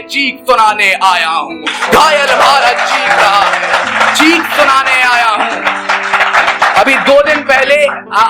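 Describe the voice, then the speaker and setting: A male poet declaiming patriotic verse live on stage before an audience, impassioned and shouting his lines. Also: very high voice. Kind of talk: live stage poetry recital.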